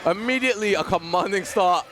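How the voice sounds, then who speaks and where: British male esports caster, playful and excitable, higher register. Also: brisk. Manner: playful, jokey, excitable on big moments. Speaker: esports commentator. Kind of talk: live tournament commentary.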